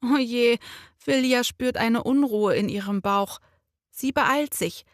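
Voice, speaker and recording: Langsam erzählende Frau, Kindergeschichte. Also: female voice, a little high, no echo, studio quality. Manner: slow, clear and expressive. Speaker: narrator. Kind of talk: children's story narration.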